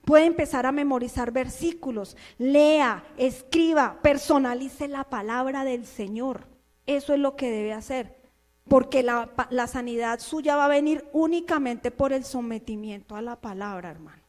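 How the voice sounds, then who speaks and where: A woman pastor preaching a fervent, scolding sermon, firing rhetorical questions at her listeners and swinging from low murmurs to shouts. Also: moderate pace. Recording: long hall reverb.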